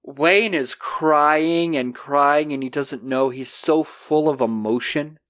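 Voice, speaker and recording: A man hosting a podcast, recapping a film in a casual, animated, jokey way. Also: fairly high pitch, slow pace. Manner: animated storyteller, jokey, acting out scenes. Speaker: podcast host.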